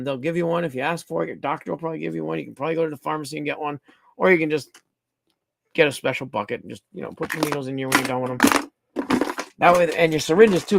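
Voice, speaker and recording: A man's voice: fairly high pitch, gravelly, noisy background. A middle-aged man hosting a casual livestream, talking bluntly, rambling and swearing freely as he demonstrates things. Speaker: livestream host.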